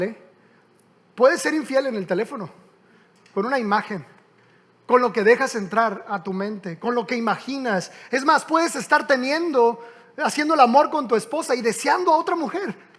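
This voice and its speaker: A man from Mexico, a pastor preaching a sermon in a lively storytelling way with frequent restarts. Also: very high voice, moderate pace.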